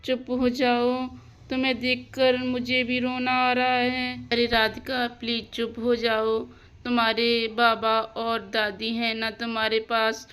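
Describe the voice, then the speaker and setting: A woman voicing a caring village mother, bright and smooth. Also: fairly high pitch, completely flat delivery, measured pace. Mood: comforting. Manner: soothing, fussing, exclaims often.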